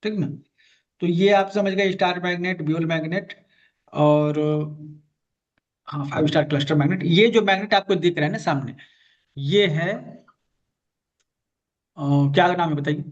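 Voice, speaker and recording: Teaching magnet therapy online, this man patiently goes over key terms again and directs a student. He speaks in a fairly high voice, a little slowly, leaving long pauses. The sound is the dull lo-fi quality of a video call.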